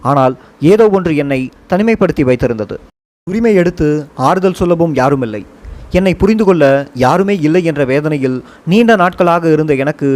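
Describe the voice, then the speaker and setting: A man narrating a first-person memoir for an audiobook, his voice sitting a little above the usual male range. He reads in a measured, reflective way, steady and unhurried. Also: on the high side.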